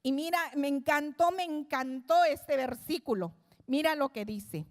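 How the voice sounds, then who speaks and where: A middle-aged woman giving an expressive, conversational church teaching to mothers, often pausing on fillers and restarting phrases. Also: sits high. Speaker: church speaker addressing mothers. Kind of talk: Spanish-language church teaching. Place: church service.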